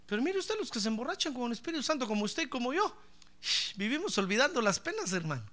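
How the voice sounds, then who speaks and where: A man preaching a lively sermon, joking with the congregation and breaking into shouted praise. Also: very high-pitched, fast talker. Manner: fervent, joking, bursts into shouted praise, keeps calling the listener brother.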